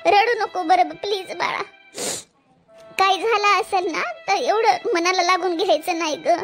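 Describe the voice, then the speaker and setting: A woman's voice: very high voice, a little slow, fairly bright tone, faint music behind. A woman doing a doting cartoon mother. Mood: coaxing. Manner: coaxing, soothing. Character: loving ailing mother of a grown daughter. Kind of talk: cartoon voice acting.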